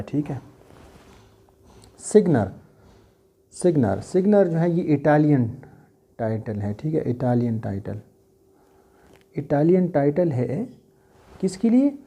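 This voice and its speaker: A man's voice: medium pitch, warm tone. A man teaching an English grammar lesson, explaining step by step and often checking in with his students. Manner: explains slowly, often checks with "theek hai". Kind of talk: classroom lesson.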